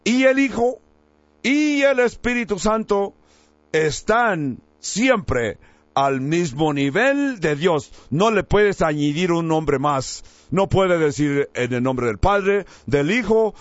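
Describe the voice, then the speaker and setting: A man's voice: high-pitched, no room sound. A man preaching a sermon in an emphatic way, his voice climbing on key words. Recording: dry, slightly dull recording.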